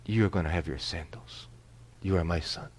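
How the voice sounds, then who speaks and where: A forgiving father, a grown man, calling out urgent orders to welcome his lost son home, as a male preacher acts him out within a sermon. His voice sits a little low and is fairly quiet, with a firm, commanding tone. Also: animated, normal speed.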